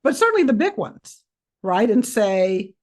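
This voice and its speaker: A woman, an author being interviewed on a podcast, speaking thoughtfully and often pausing to search for words. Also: mid-range voice, big pitch swings, darkish tone. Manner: thoughtful, hesitant, with many fillers. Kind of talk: conversational interview.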